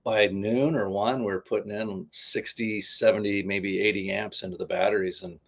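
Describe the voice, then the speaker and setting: Casting note: man, lowish gravelly voice, laid-back co-host explaining boat gear. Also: fairly even intonation, normal speed. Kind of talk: casual livestream chat.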